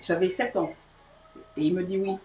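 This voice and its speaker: A soft-spoken woman tells a childhood story in a live chat, pausing and hesitating as she goes. Her voice is far from the mic in a roomy space, and the sound is dull. A faint hiss sits in the background. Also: on the low side, fairly even intonation. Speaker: co-host.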